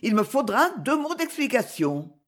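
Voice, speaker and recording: Surly old grumbler, as a woman reader puts him on, gruff and loud. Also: on the high side, big pitch swings, moderate pace. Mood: grumbling. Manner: gruff and shouting.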